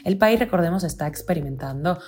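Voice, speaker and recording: Low-voiced woman reading the news. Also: fast talker. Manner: steady, clear news delivery. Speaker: news podcast host.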